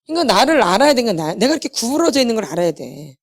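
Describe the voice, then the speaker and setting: Lively-voiced woman preaching a sermon. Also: on the high side, very fast. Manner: asks the congregation rhetorical questions and answers them; repeats key phrases for emphasis. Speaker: healing ministry lecturer.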